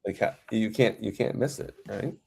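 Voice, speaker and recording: A man's voice: fairly low pitch, normal speed, creaky, a little mellow, husky. A man in his fifties hosting a casual chat, with a hesitant, stumbling delivery. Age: 50s. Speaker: host.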